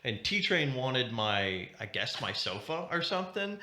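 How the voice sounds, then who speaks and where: A man's voice: mid-range voice, big pitch swings, measured pace, pushed and bright. A young man on a podcast, telling a rambling story with lots of laughs and asides. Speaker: podcast co-host. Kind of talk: casual chat. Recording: roomy echo.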